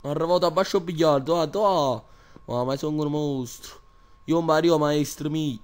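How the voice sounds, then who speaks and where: A man's voice: on the high side, normal speed, natural voice. A man voicing a cocky, touchy gym braggart in a comic dub, with a Neapolitan accent and brash, sweary street slang. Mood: boastful, indignant.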